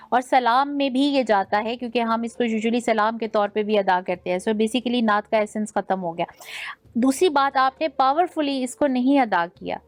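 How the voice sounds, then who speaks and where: A woman's voice: medium pitch, no room sound. A woman judging a naat recitation contest, giving direct critiques and sprinkling English words into her Urdu. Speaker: naat competition judge. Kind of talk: judging feedback.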